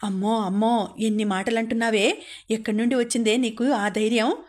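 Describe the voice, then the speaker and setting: A domineering old mother-in-law from an audiobook, scolding in a fairly flat, even-pitched voice, as a woman reader puts her on. She barks out demands and complaints with little rise and fall. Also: moderate pace, close to an everyday voice. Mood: shouting. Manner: scolding, shouting. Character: sharp-tongued older mother-in-law, domineering.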